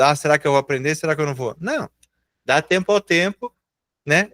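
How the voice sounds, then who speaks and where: A Brazilian man with a slightly high voice teaches in a live class, patient and encouraging. He stretches the words he is showing into slow, careful sounds. His voice is dry and close to the mic. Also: a bit bright, no echo. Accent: Brazilian Portuguese. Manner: encouraging, patient, slowly drawls out example words. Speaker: English teacher.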